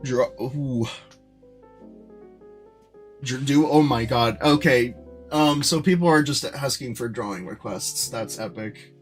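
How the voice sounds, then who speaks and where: A man's voice: mid-range voice, takes it slowly, long pauses, soft background music. Rambling young male streamer, casual chat. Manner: rambling, self-described monotone, many fillers and restarts. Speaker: streamer and animator.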